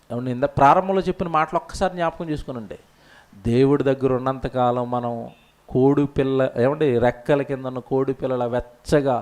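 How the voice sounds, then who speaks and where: A man preaching a sermon with passion, swinging between loud outbursts and quiet asides. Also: mid-range voice. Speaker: pastor.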